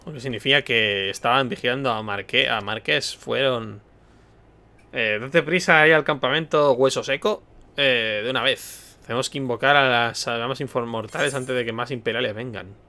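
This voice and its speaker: A man's voice: mid-range voice, moderate pace, sharp tone. A man with an accent from Spain, a streamer joking and commenting playfully while he plays a video game. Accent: Spain Spanish. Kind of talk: casual gameplay commentary.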